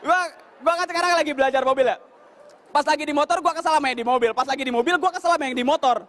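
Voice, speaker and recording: A young man doing a stand-up comedy routine, telling stories in an animated way and slipping into shouted, mimicked voices. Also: very high voice, rapid-fire.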